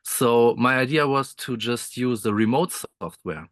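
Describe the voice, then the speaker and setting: In this casual interview chat, a friendly Croatian guest composer talks over a video call from his motorhome, laughing a lot and often restarting with fillers. His mid-range voice has a fairly bright tone and a measured pace, with no echo.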